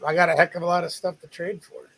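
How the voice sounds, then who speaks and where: A man's voice: sits high, little pitch movement, fast, fairly bright tone, husky, low-quality recording. A middle-aged man co-hosting a live stream, chatting casually with an easygoing, joking manner. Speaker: co-host.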